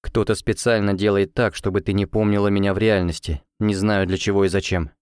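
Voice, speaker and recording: A man reading a calm gentle young mage. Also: on the low side, a little fast, clean tone, dry recording, clean studio sound, lightly acted.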